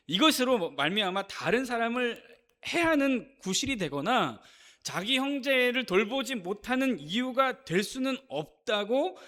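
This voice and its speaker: A man's voice: high-pitched, a bit bright. A male pastor giving a Sunday sermon in a church, emphatic and firing off rhetorical questions at the congregation. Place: church sanctuary.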